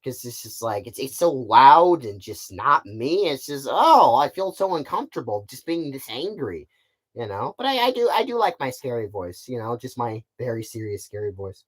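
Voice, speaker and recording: A man's voice: mid-range voice, sing-song, moderate pace, a bit bright. A man chatting casually on a live stream, rambling with many stammering restarts. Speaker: puppet channel creator.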